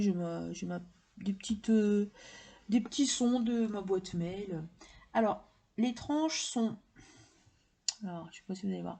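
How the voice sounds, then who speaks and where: A woman's voice: medium pitch, vocal fry, warm tone, breathy edge. A woman chatting casually to camera, enthusiastic and rambling with many fillers as she shows her card deck collection. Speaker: tarot and oracle deck collector showing her decks.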